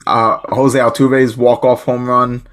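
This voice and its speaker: This is a man chatting casually as a podcast co-host, excitable and rambling, often restarting his sentences. His pitch sits in an ordinary middle range for a man. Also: slow pace. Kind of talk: casual chat.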